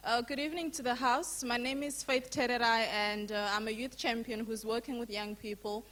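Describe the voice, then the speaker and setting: A woman's voice: on the high side, fairly even intonation, fairly bright tone. A woman from Zimbabwe who works with young people, putting a formal, earnest question from the floor of a public lecture. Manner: formal and earnest, with deliberate emphasis. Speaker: youth worker asking a question.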